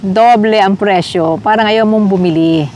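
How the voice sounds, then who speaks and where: A woman's voice: medium pitch, normal speed, a little mellow, slight background noise. A middle-aged woman from the Philippines talking casually to her viewers while walking through a park. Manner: chatty, addresses viewers as guys. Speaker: vlogger. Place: outdoors in a park.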